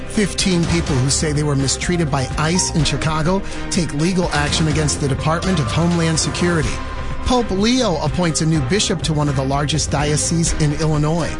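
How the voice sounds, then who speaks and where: A male radio anchor reads the headlines, weather and scores in a measured, even newsreader style. His voice sits a little high for a man, with a faint music bed under it. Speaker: news anchor. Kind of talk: scripted radio newscast.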